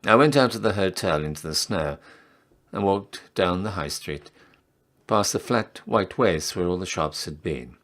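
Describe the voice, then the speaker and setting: Deep-voiced man, declamatory town crier delivery. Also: lively intonation, unhurried, fairly bright tone. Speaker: reader of a literary story. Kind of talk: dramatic literary reading.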